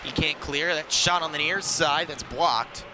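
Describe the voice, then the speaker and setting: With the rink's noise all around his microphone, a hockey commentator follows the action live in short, clipped bursts. He speaks unhurriedly in a slightly high voice.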